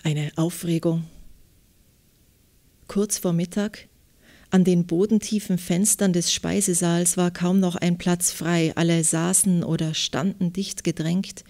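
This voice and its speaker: An Austrian woman author speaks in a measured, reflective way with frequent pauses. Her voice sits low and has a gravelly, fry-laden texture. Its tone is dark and mellow. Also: fairly even intonation. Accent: Austrian German. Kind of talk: interview answers and literary reading.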